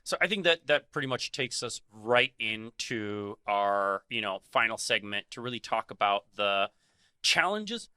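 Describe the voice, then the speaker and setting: A man co-hosting a podcast, speaking in a measured way with many pauses and fillers. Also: on the low side, sing-song, bright, forceful tone, clean tone, no echo. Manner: measured, many ums and you-knows. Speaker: podcast co-host. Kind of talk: conversational advocacy discussion.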